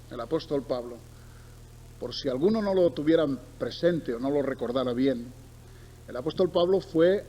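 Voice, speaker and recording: Here a middle-aged preacher from Barcelona, with a Spain accent and a slightly high, dark-toned voice, reads from the Bible and tells stories in his sermon. He repeats points emphatically and throws in conversational asides, against noticeable background noise.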